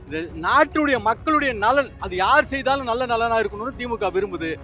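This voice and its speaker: A man's voice: extremely high pitch, lively intonation, brisk, sharp tone, faint music behind. A man giving argumentative political commentary, firing off indignant rhetorical questions.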